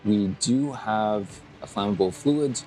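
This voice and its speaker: A man narrating as game master, halting with many fillers. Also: lowish voice, mellow, faint music behind.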